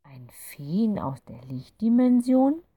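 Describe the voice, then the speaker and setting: A woman's voice: on the low side, expressive, measured pace, no echo, narrow, tinny audio. A woman voicing a curious, earnest young girl who keeps asking wondering questions in a children's story.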